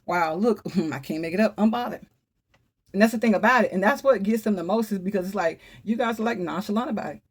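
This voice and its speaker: A woman's voice: medium pitch, quick pace, slightly rough. Chatty emphatic woman reading tarot. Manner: chatty and emphatic, often exclaims wow; talks straight to viewers, calls on the Holy Spirit. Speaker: tarot reader. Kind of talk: casual spoken tarot reading.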